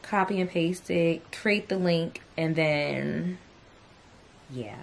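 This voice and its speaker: Chatty young woman vlogger, soft low voice. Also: takes it slowly, creaky, a little hiss or hum. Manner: chatty, filler-heavy, addresses viewers as y'all. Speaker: lifestyle vlogger. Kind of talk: casual vlog chat to camera. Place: home bedroom and kitchen.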